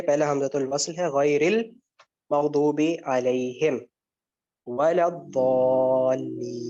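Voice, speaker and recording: A man's voice: on the high side, a little mellow. A male teacher giving a lecture step by step, often asking a question and then answering it himself. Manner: explains step by step, asks and answers his own questions. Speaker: Arabic grammar teacher. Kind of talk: online lecture with student questions. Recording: dull lo-fi sound.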